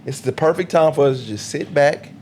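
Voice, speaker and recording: Man, podcast co-host, fairly high voice, casual group debate, profane, animated, faint room hum. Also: a little fast. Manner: animated, profane, acts out quoted people.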